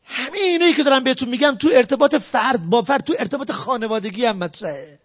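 A man giving a sales lecture, emphatic and repetitive, jumping between loud stresses and quiet asides. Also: very high voice, expressive, husky. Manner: emphatic, repetitive, talks straight to the audience. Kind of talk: motivational lecture.

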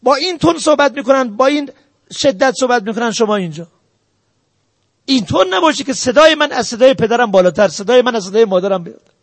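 Brief: male preacher with a very high voice, earnest and exhortative, dry close sound. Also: lively intonation, dry recording. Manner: earnest, exhorting the audience directly. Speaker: religious lecturer. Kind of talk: sermon on family ethics.

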